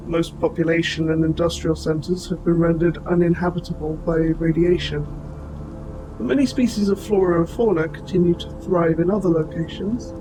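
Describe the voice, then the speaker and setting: A man voicing an old military robot, formal, precise and gently protective, in a scripted audio roleplay addressed to the listener. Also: a little high, natural voice, poor audio. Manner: formal, precise, measured phrasing. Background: music.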